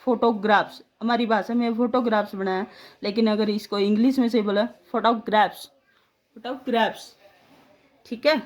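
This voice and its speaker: A woman's voice: on the high side, fairly even intonation. A woman teaching spelling, sounding words out letter by letter and syllable by syllable. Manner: slow, drawn-out syllable-by-syllable dictation.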